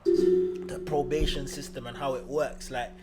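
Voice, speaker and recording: A man's voice: medium pitch, huge pitch swings, a little slow, crowd noise. A young man with an East End London accent, co-hosting a casual podcast and telling stories in street slang while laughing often. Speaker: podcast co-host.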